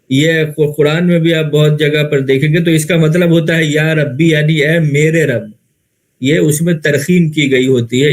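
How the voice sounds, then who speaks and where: A man's voice: fairly high pitch, poor audio. Patient man teaching grammar. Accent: Indian Urdu. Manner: patient, repeats and rephrases terms, asks and answers own questions. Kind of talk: lecture explaining grammar.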